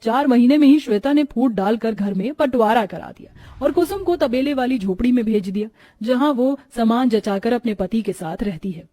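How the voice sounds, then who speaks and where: Calm woman narrating a bedtime story. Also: a little high, moderate pace, no room sound, soft background music.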